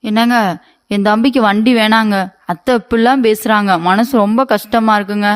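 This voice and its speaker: A woman's voice: medium pitch, fairly even intonation, normal speed, clear, resonant tone, lightly acted. A woman voicing a sulky, demanding young wife in a cartoon comedy, pleading and whiny.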